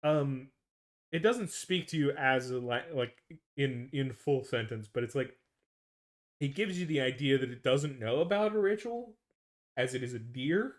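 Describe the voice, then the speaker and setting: A man's voice: medium pitch, expressive, normal speed. A man running a tabletop game as game master, narrating with dry teasing humor.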